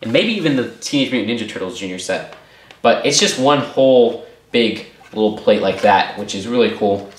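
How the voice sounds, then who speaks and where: A man's voice: fairly low pitch, expressive, normal speed. A man giving a casual, upbeat toy set review, rambling with lots of fillers and small restarts. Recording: roomy echo.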